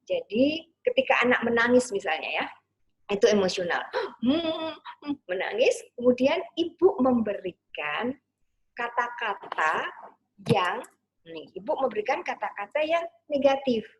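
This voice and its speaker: A woman parenting coach giving a gentle online talk, sometimes acting out soothing words to a child. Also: fairly high pitch, big pitch swings, unhurried, husky, muffled recording.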